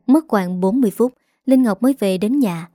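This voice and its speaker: A woman calmly narrating an audiobook story in an even reading voice. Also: medium pitch, a little fast, no echo, clean studio sound.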